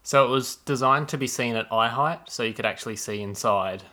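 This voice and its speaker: A man's voice: medium pitch, a little fast, bright, forceful tone. A man hosting a casual podcast, rambling and self-deprecating, explaining history at length. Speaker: podcast host. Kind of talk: casual chat.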